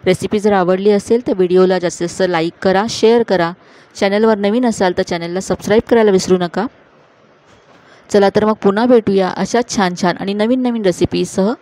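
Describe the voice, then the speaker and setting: A woman hosting a cooking channel, calmly narrating each step of a recipe to viewers in a voice-over. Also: medium pitch, a little fast. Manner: calm, instructive, addressing viewers directly.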